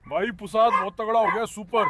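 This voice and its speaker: High-voiced man coaxing his dogs. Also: fairly even intonation, fairly quick, noisy background. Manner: coaxing and scolding dogs, calling them son. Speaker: farm vlogger with dogs. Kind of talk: casual talk to dogs and viewers.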